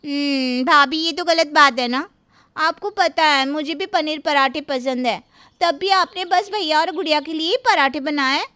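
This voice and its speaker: Young actress as a pouty cartoon sister-in-law, high and bright, dry close recording. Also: female voice, a little slow, no echo. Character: young woman, a sulky but sweet college-age sister-in-law.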